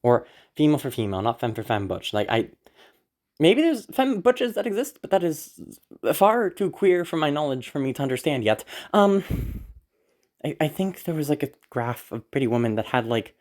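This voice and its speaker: With big pitch swings around a mid-range center, a moderate pace and a slightly mellow sound, an audio roleplay creator talks to viewers while congested from being sick. It's a casual ramble, giggly, anxious and full of apologies, with some swearing mixed in.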